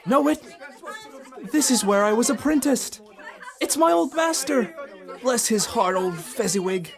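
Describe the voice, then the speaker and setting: A man's voice: very high voice, animated, a little slow, gravelly, full character voice. Ebenezer Scrooge, an aging miser in a stage radio play, his voice swinging between a wistful laugh and a pained catch. The crowd murmurs in the hall around him. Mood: delighted. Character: old miserly man, remorseful and shaken. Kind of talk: student radio drama acting.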